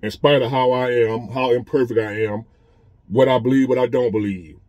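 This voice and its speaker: A vlogger in his fifties with a drawl gives a casual motivational monologue from inside a parked truck, earnestly going over the same points in a plain, conversational preaching style. His dark, mellow voice is medium-pitched, steady, and at normal speed. The sound is dry, close, and muffled, without echo.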